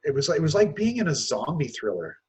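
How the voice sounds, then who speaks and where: Husky Canadian man, halting and candid. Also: on the high side, huge pitch swings, darkish tone, rough recording. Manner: hesitant, restarts often, self-deprecating. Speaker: interview guest. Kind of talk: candid conversational interview.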